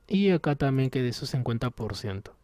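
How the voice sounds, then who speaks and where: A man teaching a recorded online class, explaining patiently and thinking aloud as he works through software, from a room at home near the street. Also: medium pitch, big pitch swings, normal speed, no echo.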